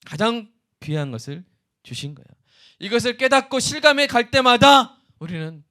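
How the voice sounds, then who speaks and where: Middle-aged pastor, man, sermon delivery, lively pitch, whispers to exclaims. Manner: swings from loud exclamations to hushed whispers; asks the congregation questions and answers them.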